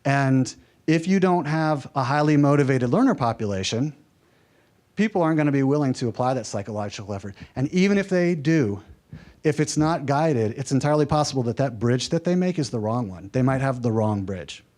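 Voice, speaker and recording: A man's voice: mid-range voice, expressive, fairly quick, a little mellow. Man giving a workshop lecture. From American South, mountain region. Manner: conversational, checks in with the audience, light humor. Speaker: workshop presenter. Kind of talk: workshop lecture with audience activities. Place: workshop room.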